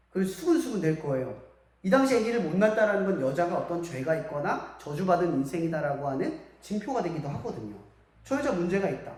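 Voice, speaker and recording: A man preaching to students as a youth pastor, often asking the audience questions and acting out quotes. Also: sits high. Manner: lively, asks the audience many questions and acts out quotes. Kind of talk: sermon to students. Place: church worship hall. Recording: echoey church hall.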